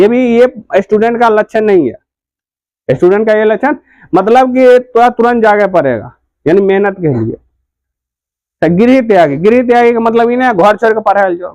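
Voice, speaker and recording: Male tutor, high voice, dry close sound, question-and-answer drilling. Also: darkish tone, dry recording, lo-fi sound. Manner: repeats questions and answers them himself. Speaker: teacher. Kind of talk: classroom grammar lesson.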